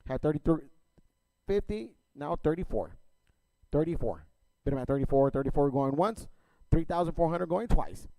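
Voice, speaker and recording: A man working as an auctioneer, calling bids in a rapid, repetitive chant of numbers and stock phrases. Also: a little high, animated, creaky, mellow, no echo, poor audio.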